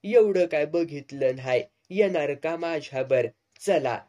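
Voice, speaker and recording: A man's voice: a little high, unhurried, mellow, close to an everyday voice. A man voicing an older rustic village man who teases and scolds his young companion in earthy country speech. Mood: scolding, teasing.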